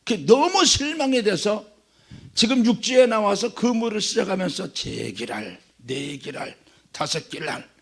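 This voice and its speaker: A man's voice: high voice, normal speed, vocal fry, husky. A man preaching a sermon at a church revival meeting, telling stories with jokes. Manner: joking, animated storytelling.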